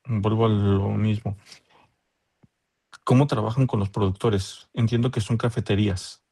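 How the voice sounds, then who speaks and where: A man giving measured academic feedback on a thesis, thinking aloud with frequent fillers, on a video call. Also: on the low side, gravelly, warm tone, husky. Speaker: thesis committee member.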